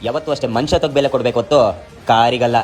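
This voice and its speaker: A man's voice: medium pitch, rapid-fire. A man performing a comic sketch with playful, teasing banter. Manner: lively, teasing banter with a partner. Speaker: comedy sketch actor. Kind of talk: casual comic sketch dialogue. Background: loud background music.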